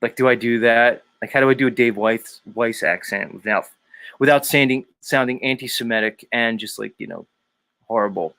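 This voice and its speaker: A male streamer talks with a crude, mocking edge and frequent laughter, in a mid-pitched voice. The sound is dry and close, with no room around it. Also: normal speed, vocal fry, pushed and bright, dry recording. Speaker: streamer host. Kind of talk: casual livestream chat.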